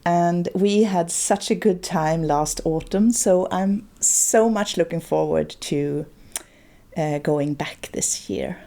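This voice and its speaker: A middle-aged woman, hosting a podcast and speaking her reflections slowly and thoughtfully, then reading from a book. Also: fairly low pitch. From Sweden. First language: Swedish. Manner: slow, thoughtful and gentle. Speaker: podcast host.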